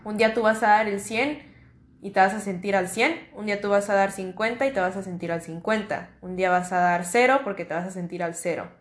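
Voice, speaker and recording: A woman's voice: mid-range voice, a little fast, roomy sound. A young woman with a Mexican accent hosting a podcast, talking casually in a slangy, reassuring, repetitive way. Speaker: podcast host. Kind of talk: casual motivational monologue.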